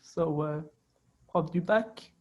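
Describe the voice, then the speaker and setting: A student host introducing speakers over a video call, halting with many fillers. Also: male voice, a little high, a little mellow, slight background noise.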